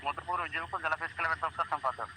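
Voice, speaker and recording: On a phone call with faint noise, a local journalist with a Bangladeshi accent defends himself earnestly and insistently, calling the listener brother. His voice is fairly high with fairly even intonation, and he talks at a racing speed.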